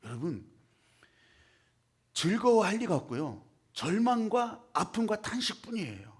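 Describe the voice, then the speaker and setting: Husky, animated male pastor preaching. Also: sits high, unhurried. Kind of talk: sermon.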